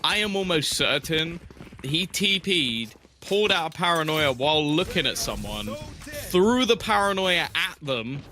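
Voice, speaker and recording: A man's voice: on the high side, sing-song, a little slow, bright, forceful tone. A man giving chatty colour commentary on an esports match, thinking aloud with frequent restarts. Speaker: esports analyst. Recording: broadcast with game noise behind.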